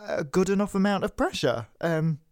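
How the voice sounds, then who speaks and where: A woman co-hosting a casual political chat podcast, chatty and sweary, quick to laugh. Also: fairly low pitch, lively intonation, a little mellow. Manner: chatty, sweary, laughs easily, lots of fillers. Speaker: podcast co-host.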